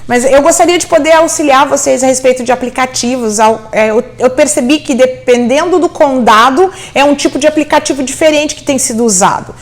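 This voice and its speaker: Talking a little fast with few pauses, a woman with a high voice encourages parents about homeschooling. She's a middle-aged immigrant mother and host whose warm Portuguese is sprinkled with English words.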